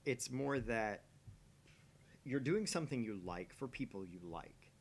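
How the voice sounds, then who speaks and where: A gaming channel host chats casually and earnestly into the microphone of his stream setup, his voice animated and unhurried. The mic is noisy, with a low rumble.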